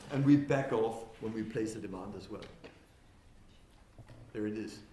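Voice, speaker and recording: A man gives a talk in a windowless conference hall, drawing the audience in with questions. His voice moves between loud, waking bursts and low, calm stretches. The hall adds an echo, with a faint hum of noise underneath. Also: unhurried. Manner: engaging, quizzes the audience, swings from loud to soft. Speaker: conference speaker.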